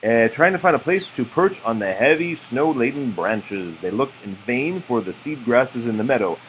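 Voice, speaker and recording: An expressive dad with a medium-pitched voice reads a children's picture book aloud to his child, slow and drawn out, adding informal asides. The home recording is muffled, with background noise.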